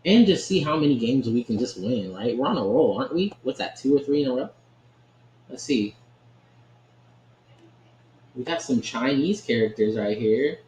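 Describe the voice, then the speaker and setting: A man's voice: mid-range voice, expressive, moderate pace, long pauses, darkish tone. A man talking through his card game in a loose, chatty way, tagging "right?" onto his thoughts and laughing easily. His mid-range voice rings in a roomy, echoey space with a faint hum of ambience behind it. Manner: chatty, keeps asking "right?", laughs often. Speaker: gaming channel host. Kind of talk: casual gameplay commentary.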